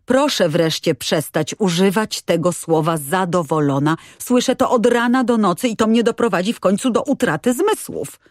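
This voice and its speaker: A woman's voice: mid-range voice, moderate pace, hardly any pauses, dry recording, clean studio sound, natural voice. A woman reading an audiobook, voicing a stern, strict aunt who speaks sharply.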